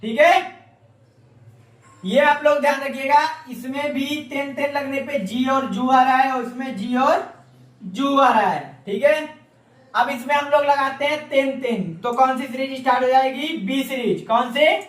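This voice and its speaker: A man's voice: very high voice, a little slow, fairly bright tone. A man teaching an online class, often asking a question and then answering it himself for learners to repeat. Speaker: Japanese language teacher. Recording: echoey room, mic far off.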